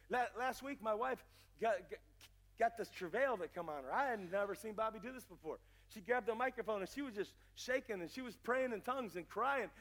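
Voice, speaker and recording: A middle-aged man pastor preaching a sermon in a church, building to shouts and calls for the crowd to answer. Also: extremely high pitch. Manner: preaching with rising shouts and call-and-response. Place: church sanctuary.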